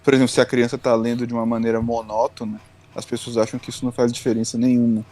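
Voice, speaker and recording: A man in a podcast interview with a warm, mellow tone and a middle-height voice. He explains patiently and methodically, like a teacher walking through a point. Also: medium pitch, flat delivery, quick pace. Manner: patient, lecturing, often tags lines with "né". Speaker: guest educator.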